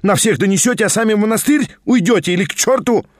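A man's voice: fairly high pitch, expressive, dry recording, clean studio sound. A man doing a chattering, feverish young schemer. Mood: furious. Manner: chattering, rapid and insistent. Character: fast-talking scheming young nobleman, fussy and feverish.

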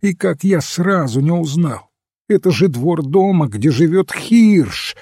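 A man voicing an excitable burly former thief turned detective, shouting his lines in a raised voice. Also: a little high, unhurried, gravelly, husky, no echo, studio quality, full character voice. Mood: astonished. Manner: loud exclamations, raised voice.

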